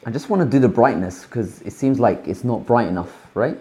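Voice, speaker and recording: Mellow-voiced man co-hosting a live tech stream. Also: mid-range voice, expressive, brisk. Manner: hesitant, restarts while operating gear. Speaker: co-host.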